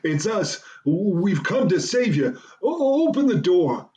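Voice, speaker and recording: A man's voice: sits high, sing-song, unhurried, dark tone. A man playing a nervous, whiny cowardly lion in a comic radio play, blustering and stammering.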